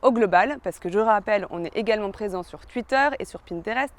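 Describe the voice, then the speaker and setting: Woman reading out a company social media report, average pitch, scripted. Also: brisk. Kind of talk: scripted corporate presentation.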